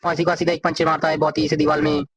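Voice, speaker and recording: A man retells a comic story at a fast clip, stringing events together in long run-on sentences. His voice sits a little high for a man. He reads the characters' lines aloud without stopping for breath. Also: level tone, fairly bright tone, slightly rough, no echo, low-quality recording. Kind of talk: casual story recap narration.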